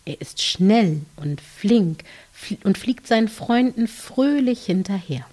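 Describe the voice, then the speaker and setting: A woman softly narrating a guided dream journey for children in a gentle, soothing, hushed voice, with long pauses and a scripted, meditative delivery. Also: medium pitch, expressive. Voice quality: soft, breathy, hushed, at times near whisper.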